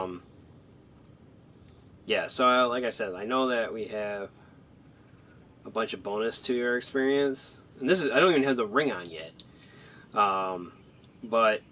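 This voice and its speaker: Rambling and poking fun at himself, a man plays a video game and chats through a casual let's-play. He's a gaming streamer whose voice sits on the low side with a fairly bright tone.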